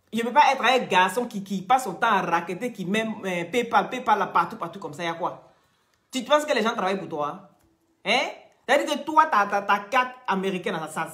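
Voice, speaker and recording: A woman's voice: medium pitch, a bit bright. Scolding Cameroonian woman in an echoey room. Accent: Cameroonian French. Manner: mocking, scolding, repeats herself, breaks into laughs. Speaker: social media live streamer. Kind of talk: scolding live stream rant.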